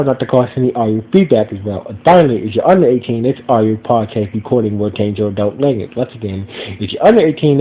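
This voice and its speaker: With a stuffy nose, a podcast host rambles through a casual episode review, restarting often and leaning on fillers. This audio-only recording sounds muffled, and his mid-range voice has a warm tone.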